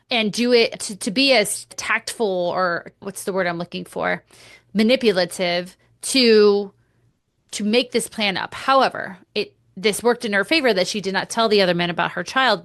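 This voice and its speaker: A woman's voice: medium pitch, a bit bright, dry recording. A woman hosting a podcast, giving blunt, opinionated commentary with casual swearing, close to the mic. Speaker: podcast host.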